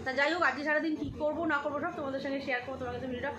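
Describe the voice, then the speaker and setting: Woman vlogger, West Bengal accent, high voice, casual and talkative, noisy handheld home sound. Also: fairly even intonation, racing, reverberant. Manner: chatty, addresses viewers directly. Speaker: family vlogger, mother. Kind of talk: casual home vlog narration.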